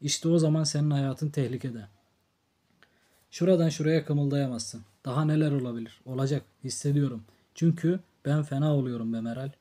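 A man's voice: mid-range voice, normal speed, mellow, lightly acted. A man voicing a blunt, threatening drunk older brother in an audiobook, in a harsh scolding tone. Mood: angry. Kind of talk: audiobook character reading.

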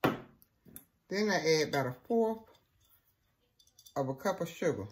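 A woman walks through a recipe in her home kitchen, unhurried and folksy, checking in with "okay" as she goes. Her voice sits a little low, and the recording carries clear background noise. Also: expressive. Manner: folksy, chatty, says "okay" often. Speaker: cooking show host. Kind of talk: casual cooking demonstration.

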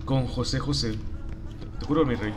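A man's voice: medium pitch, moderate pace, background noise. A young man with a Mexican accent streaming a game, chatting casually in slang and greeting viewers by name. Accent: Mexican Spanish. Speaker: gaming streamer. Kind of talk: casual livestream chat while gaming.

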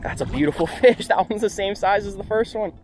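Young male vlogger, slightly high voice, upbeat running narration from a boat, clear wind and water noise. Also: a little fast, darkish tone. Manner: upbeat, talks to the camera while working the line. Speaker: fishing vlogger. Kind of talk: casual solo narration while fishing. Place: open flats boat on the water outdoors. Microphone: action camera mounted on the boat.

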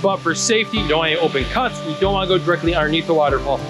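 This travel vlog host, a man in his thirties, talks very fast in a slightly high voice as he walks outdoors with a handheld camera. He offers friendly tips on tropical trails and roadsides while music plays underneath.

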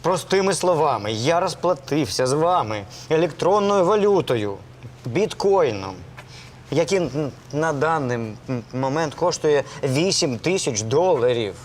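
Nerdy crypto dude, stammers, slightly high voice. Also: male voice, expressive, measured pace, slight background noise. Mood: explaining. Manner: stammering, explaining. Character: nerdy male crypto miner, awkward.

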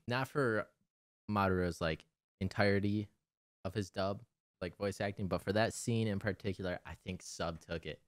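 A man's voice: low voice, a bit bright, clean tone, dry recording. A young man giving casual reaction commentary as a streamer, close on the mic. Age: young adult. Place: small room at home.

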